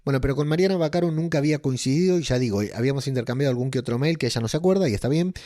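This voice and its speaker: Chatty Argentine man, mellow dry voice. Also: mid-range voice, racing, no room sound. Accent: Argentine Spanish. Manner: chatty, rambling with many fillers and restarts. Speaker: podcast editor and host. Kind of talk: casual personal monologue.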